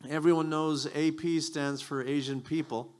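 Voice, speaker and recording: A man whose first language is Japanese performs a stand-up set on a community event stage, mocking himself and rambling with stammered restarts. His voice is a little high and flat at normal speed, with a slight hiss or hum in the recording.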